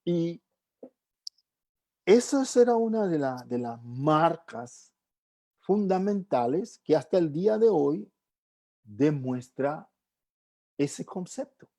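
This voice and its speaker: A Bible class teacher leading a church class, asking the room rhetorical questions and checking in with quick tag questions. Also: medium pitch, sing-song, mellow. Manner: keeps tagging questions to the class; asks and answers rhetorical questions.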